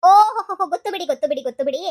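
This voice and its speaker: Her voice sits high and races with a fairly bright quality as she performs a cartoon wife full of jealousy. She hurls accusations, needles, and says the same things again and again.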